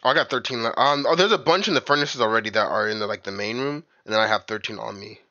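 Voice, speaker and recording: In a fairly low, sharp voice, a young man talks fast; there's no echo and the highs are cut off. During a gaming stream he chats loosely with friends, rambling with plenty of filler and tossing out "bro" and "like" again and again.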